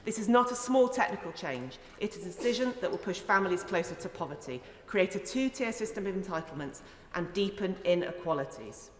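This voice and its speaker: A woman's voice: medium pitch, animated, a little fast, few pauses, a little hiss or hum. A woman, a member of parliament, giving an earnest, emphatic and rhetorical speech in a formal parliamentary debate. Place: large indoor parliamentary chamber. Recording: echoey, reverberant debating chamber.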